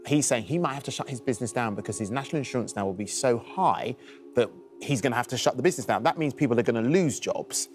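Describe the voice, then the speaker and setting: A British man interviews in a conversational broadcast style. He talks quickly at a medium pitch, with faint music behind. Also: animated.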